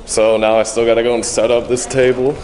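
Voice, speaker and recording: A young man in his twenties talking casually to a handheld camera at arm's length as a vlogger, relaxed and rambling, in his car and around an event hall. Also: medium pitch, a little fast, slight background noise. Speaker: vlogger and vintage clothing seller. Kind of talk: casual vlog talk to camera.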